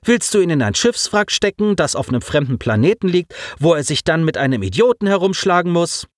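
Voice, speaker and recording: A sharp-tongued teenage girl voiced by a man, scornful and cutting, raised high in pitch. It sounds dry and close to the mic. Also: very animated, fairly quick, no room sound.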